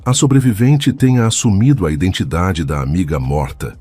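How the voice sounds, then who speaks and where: A man's voice: sits low, normal speed, warm tone, breathy edge, no echo, soft background music. A man voicing a stern, loyal middle-aged housekeeper who speaks with cold, urgent insistence. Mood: insistent.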